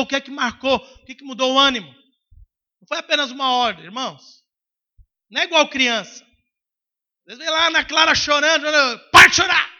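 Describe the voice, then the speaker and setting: A male pastor delivering a sermon with a very high, sharp, bright voice. He preaches emphatically and sometimes bursts into shouting. The recording sounds dull and lo-fi.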